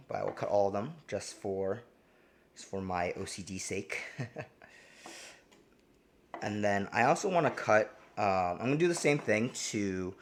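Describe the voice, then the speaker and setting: A man from New Jersey hosts a live cooking stream, casually demonstrating a dish and reading chat. He rambles with lots of ums and restarts in a lowish voice, with slight background noise.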